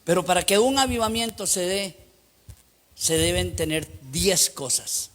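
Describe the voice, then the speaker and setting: High, bright-voiced Costa Rican preacher. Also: male voice, unhurried. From Costa Rica. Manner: emphatic preaching with lively anecdotes. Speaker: pastor. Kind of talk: sermon.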